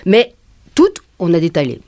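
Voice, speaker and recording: An actress playing an excitable, bold working-class woman in a stage play, telling a story breathlessly and acting out the other people in it. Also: on the low side, moderate pace, dry recording. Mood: excited. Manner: animated, breathless gossiping, acts out every voice. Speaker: storyteller recounting to a friend.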